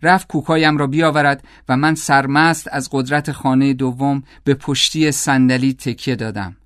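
Calm male audiobook narrator, dry sound. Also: mid-range voice, no room sound. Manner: measured, calm storytelling.

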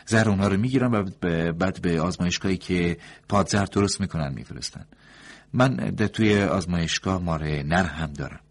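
A man voicing a nervous, fussy young doctor in a read-aloud story, his voice pushed high and loud in eager bursts. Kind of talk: audiobook story reading.

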